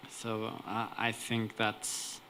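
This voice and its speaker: Male conference speaker, unscripted and deliberate, flat intonation, very slow, background noise. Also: on the low side. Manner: deliberate, searching for phrasing. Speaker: conference participant, event organizer. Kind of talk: unscripted remarks in a meeting.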